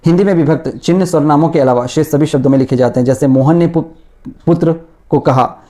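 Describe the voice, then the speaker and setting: A man's voice: on the high side, fast talker, mellow. A male teacher giving a grammar lesson, explaining step by step and repeating each sound and word aloud.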